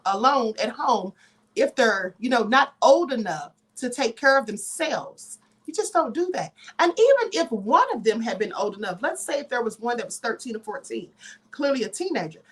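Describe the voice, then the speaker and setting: A woman's voice: high voice, a bit bright. Emphatic, chatty woman commentator. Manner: emphatic, chatty, frequent asides and "honey". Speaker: host of a live news commentary channel. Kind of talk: live commentary and reading news aloud.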